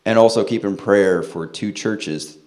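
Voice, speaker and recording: A man with a General American accent addressing a church congregation, pausing for an interpreter. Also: on the low side, a little mellow. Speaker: guest speaker at a church. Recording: echoey room with faint noise.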